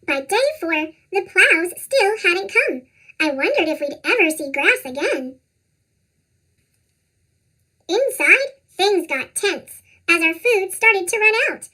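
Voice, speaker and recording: Squeaky, very high chipmunk storybook narrator. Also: a little slow. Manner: animated, expressive read-aloud. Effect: pitched-up chipmunk voice effect. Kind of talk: scripted storybook narration for children.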